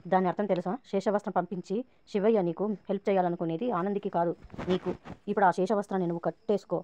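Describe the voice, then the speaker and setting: A woman's voice: medium pitch, fairly even intonation, fast talker, warm tone, a little hiss or hum, natural voice. A woman narrator reading the lines of a scheming, sarcastic young woman. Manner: sarcastic and goading.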